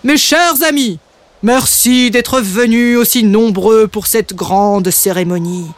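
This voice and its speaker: A woman's voice: on the high side, slow pace, no room sound. A woman voicing a proud, stern male father dragon who speaks in a solemn, commanding way, in a storybook reading.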